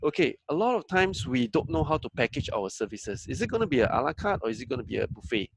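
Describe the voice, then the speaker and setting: A man's voice: medium pitch, big pitch swings, fast, a little hiss or hum, rough recording. A man giving a training talk as a business coach, conversational and full of fillers, often acting out what others say. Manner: conversational, acts out quoted dialogue, frequent fillers.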